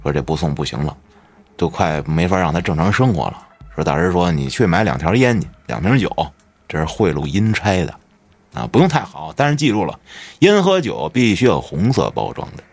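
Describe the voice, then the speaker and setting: Swearing storyteller with husky low voice. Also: male voice, very animated, a little fast, darkish tone. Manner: colloquial storyteller, swears often, dramatic swings in pitch. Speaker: podcast host. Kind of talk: ghost story telling on a podcast.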